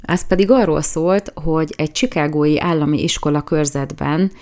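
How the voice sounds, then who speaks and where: A woman's voice: low voice, warm tone. A woman talking through current affairs as an opinionated commentator, in a conversational tone that often restarts and corrects itself.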